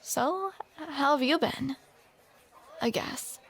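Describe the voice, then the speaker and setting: Speaking into a close mic, a young woman with a high, fairly bright voice plays a role in a romantic comedy audio piece. Her unhurried delivery is playful and flustered, punctuated by awkward little laughs.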